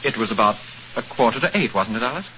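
An actor playing a polite, somewhat hesitant gentleman in an old radio drama. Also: medium pitch, lively intonation, fast, a little hiss or hum. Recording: dull lo-fi old radio recording.

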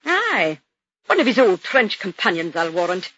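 An actress with a Scottish Highland accent playing a sharp-tongued, blunt middle-aged Highland woman in a radio drama. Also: sing-song, moderate pace, breathy edge. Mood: brusque. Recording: dull lo-fi radio recording.

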